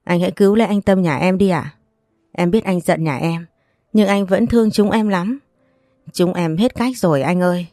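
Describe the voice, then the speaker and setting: A woman's voice: fairly low pitch, moderate pace, dark tone, no room sound, clean studio sound, natural voice. A woman voicing a distraught aunt who laments and begs for help in a read-aloud story. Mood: pleading. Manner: pleading, lamenting. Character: distraught aunt, wailing and pleading.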